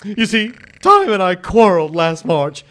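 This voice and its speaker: A man playing a mad, excitable hatter in live audio theatre, with a theatrical, exclamatory, whimsical delivery and absurd logic. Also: sits high, measured pace, exaggerated voice. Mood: grandly explaining.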